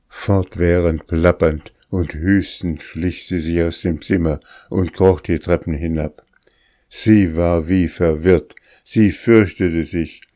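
A man narrating a classic tale in a measured, deliberate audiobook reading. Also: low voice, mellow, dry recording, studio quality.

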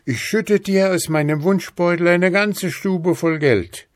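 A man's voice: high voice, unhurried, no echo, clean studio sound, pitched above the performer's own voice. A man reading a fairy tale and voicing a worried poor man with a pleading, somewhat raised voice. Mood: eager.

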